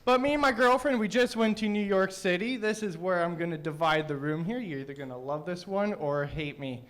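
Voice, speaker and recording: Young male stand-up, high-ish voice, thick mushy diction, brash and crude crowd work. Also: brisk, fairly bright tone. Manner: brash, profane, teasing the crowd. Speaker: stand-up comedian; teacher. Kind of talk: open mic stand-up. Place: small comedy studio stage.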